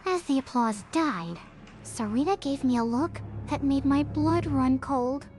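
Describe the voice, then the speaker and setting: High sarcastic young woman narrator. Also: lively intonation, darkish tone. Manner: sarcastic, quick, chatty. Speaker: narrator and lead character. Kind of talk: animated story narration. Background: music.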